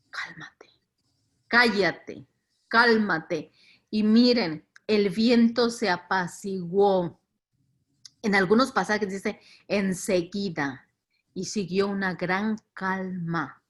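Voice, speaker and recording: A woman's voice: mid-range voice, measured pace. Reflective Latin American woman teaching scripture. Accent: Latin American Spanish. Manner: reflective, repeats words and restarts, leans on key words. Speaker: faith formation leader.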